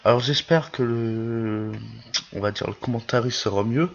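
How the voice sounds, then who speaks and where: A man's voice: mid-range voice, normal speed. Lisping man commenting on gameplay, lo-fi sound. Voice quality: lisp with slushy s sounds. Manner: hesitant, searching for words, repeats himself. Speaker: YouTube gameplay host. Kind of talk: casual game commentary. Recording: dull lo-fi microphone.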